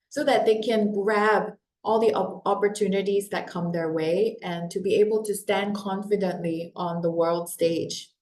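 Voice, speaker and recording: In an echoey space with a bit of hiss or hum, a company founder in her forties who was born in Korea welcomes people to her live webinar. Her lowish, slightly mellow voice stays upbeat, though "um" and "uh" come up frequently.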